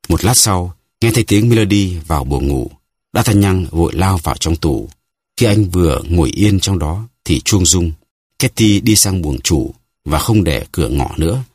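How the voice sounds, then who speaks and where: A man narrating a classic novel as an audiobook, in a measured storytelling manner. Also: deep voice, a little mellow, husky, no room sound, clean studio sound.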